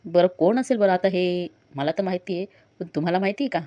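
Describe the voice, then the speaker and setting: A woman's voice: fairly low pitch, quick pace, highs cut off, lightly acted. A woman voicing a young husband who hurries and schemes, read in her own voice. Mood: insistent.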